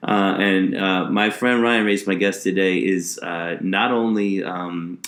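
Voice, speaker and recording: A man hosting a casual conversational interview as a comedian, building his points haltingly and rephrasing as he goes. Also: low voice, steady tone, a bit bright. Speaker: podcast host. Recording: roomy, echoing interview recording.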